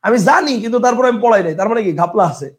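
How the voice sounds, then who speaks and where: A man's voice: very high-pitched, expressive, rapid-fire. A young man teaching a grammar class, chanting word lists over and over and asking questions that he answers himself. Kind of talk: classroom lecture.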